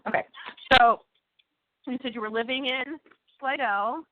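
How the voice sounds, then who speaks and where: Middle aged lady interviewer, kinda high voice, halting questions over a tinny phone call. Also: fairly even intonation, no echo. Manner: halting, trails off while note-taking. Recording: tinny dry phone-line sound.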